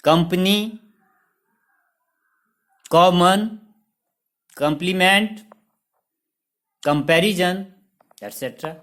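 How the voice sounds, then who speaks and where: Very slow and prone to frequent pauses, this high-pitched male teacher works through a lesson like in a classroom. He lists example words in a steady cadence, spelling some of them letter by letter.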